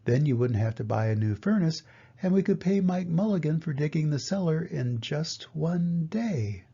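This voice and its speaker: A man's voice: fairly high pitch, lively intonation, moderate pace, warm tone, breathy edge, muffled recording, voice pushed up. A man voicing an eager, helpful little boy in a children's storybook, earnest and urging. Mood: earnest, hopeful.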